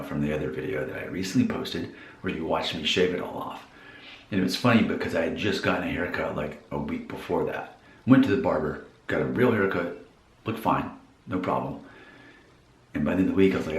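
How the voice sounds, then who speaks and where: A male vlogger in his forties thinks aloud to his viewers in a casual, musing monologue, questioning himself as he goes. His voice is low and gravelly, and the sound is roomy.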